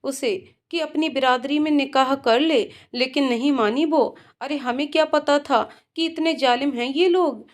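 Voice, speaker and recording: A woman voicing a grieving middle-aged aunt who speaks in a wailing, reproachful way, in her own high voice. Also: unhurried, few pauses.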